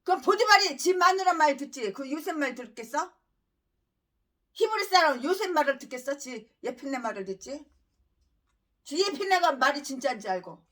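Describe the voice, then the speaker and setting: A woman pastor giving an expository sermon, ranting angrily with bursts of shouting and reading scripture slowly and emphatically. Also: high voice, expressive.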